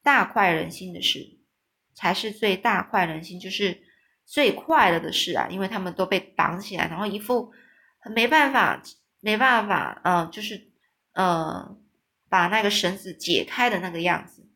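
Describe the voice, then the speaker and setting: A woman's voice: mid-range voice, normal speed. Woman reading a children's story aloud. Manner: stops to explain hard words simply, relaxed, with restarts.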